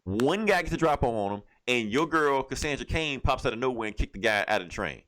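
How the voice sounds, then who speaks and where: A podcast co-host recaps a comic book in rambling, irreverent, slangy banter full of swearing. His mid-range voice is expressive and fairly bright, and he talks a little fast.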